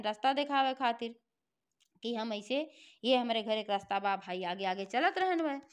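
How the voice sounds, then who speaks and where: High, smooth woman telling a folk tale. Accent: Bhojpuri-inflected Hindi. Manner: chatty, homely narration with filler address words. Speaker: storyteller.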